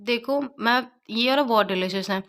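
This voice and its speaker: A woman's voice: a little high, moderate pace, fairly bright tone, natural voice. A woman voicing a bubbly, pushy young man who pleads in a whiny, childlike way. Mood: pleading.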